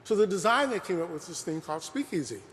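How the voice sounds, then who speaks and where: Fast-talking and sing-song, this high-pitched male lecturer has a fairly bright tone. His public talk is earnest and conversational, full of "you know." Long hall reverb from the big museum space trails each phrase.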